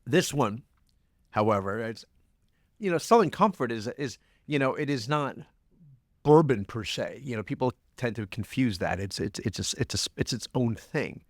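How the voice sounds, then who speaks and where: A man's voice: mid-range voice, animated, moderate pace, dry recording, studio quality. A man co-hosting a podcast, chatting in a rambling way during a drink tasting. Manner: rambling, restarts often. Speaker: podcast co-host. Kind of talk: casual chat, taste-testing drinks.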